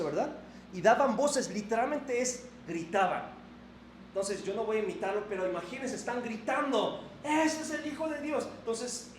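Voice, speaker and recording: A man preaching a sermon as pastor, animated, moving between raised emphasis and a soft reflective tone. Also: very high-pitched, a little hiss or hum. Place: church sanctuary. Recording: echoey church hall with faint ambience.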